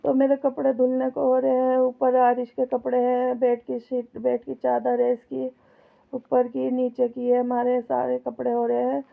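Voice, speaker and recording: A woman's voice: sits high, monotone, normal speed, gravelly. A middle-aged woman with a sore throat and cough chatting to viewers while she cooks, in a home kitchen filmed on a phone. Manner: chatty, complaining, talks straight to viewers. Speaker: home vlogger. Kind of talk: casual vlog chatter while cooking. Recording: tinny phone-like sound.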